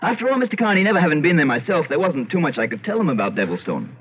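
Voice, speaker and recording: An actor playing an idle, genteel gentleman in an old-time radio drama, polite, theatrical and given to digression. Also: fairly high pitch, very animated, very fast, breathy edge. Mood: puzzled. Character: idle, genteel Irish gentleman narrating his eerie tale. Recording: tinny narrowband old radio broadcast.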